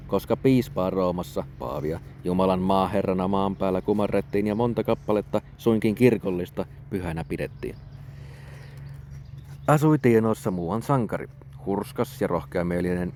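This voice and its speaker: A man from Finland reading an old fairy tale aloud for children in a measured, old-fashioned storybook manner. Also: low voice, a little mellow, a little hiss or hum.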